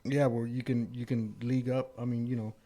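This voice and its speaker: A man's voice: mid-range voice, flat delivery, fairly quick, warm tone. A man co-hosting a podcast, chatting casually and rambling with fillers and swearing. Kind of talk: casual chat.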